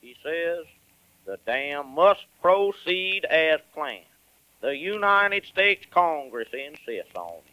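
A man's voice: a little high, big pitch swings, slow, sharp tone, dry recording, heavily acted, rough recording. Ferdinand, a man playing a folksy bullfrog. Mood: grave. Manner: rural drawl, says ain't and reckon. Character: folksy old male bullfrog, homespun philosopher. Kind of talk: 1940s radio acting.

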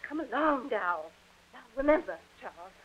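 A woman's voice: on the high side, lively intonation, moderate pace, breathy edge, muffled recording. An actress playing a firm, commanding mother who gives instructions in an old radio drama. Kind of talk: 1940s radio acting. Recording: echoey, noisy old radio recording.

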